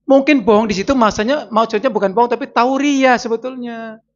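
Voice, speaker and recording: High-pitched guy preaching to the ladies, chatty, muffled lo-fi mosque recording. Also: fairly even intonation, a little fast. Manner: conversational, speaks straight to the women listening; acts out little everyday scenes. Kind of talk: Islamic study lecture. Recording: dull lo-fi sound.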